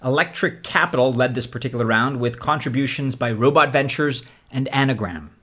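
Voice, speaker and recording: A man's voice: medium pitch, brisk, bright, forceful tone, husky. A man hosting a scripted explainer video, speaking like a presenter with conversational, casual asides. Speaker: host of a crypto investing video.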